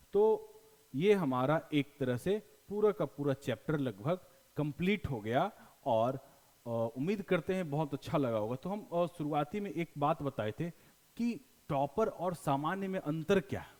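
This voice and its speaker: A man's voice: on the high side, animated, a little slow, a little mellow. Bihari male teacher, echoey room. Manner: explains with repeated questions and answers; folksy, mixes in local dialect. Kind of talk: classroom lecture.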